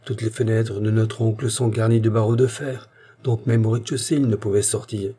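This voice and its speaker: A man's voice: fairly low pitch, steady tone, brisk, warm tone, slightly rough. A man reading the part of a bold, ironic young woman defending herself and her husband.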